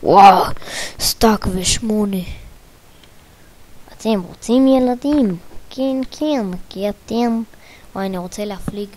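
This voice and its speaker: A woman giving let's play commentary on her own gameplay, muttering quietly to herself and then breaking into excited bursts of repeated exclamations. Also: mid-range voice, long pauses. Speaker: gaming video creator.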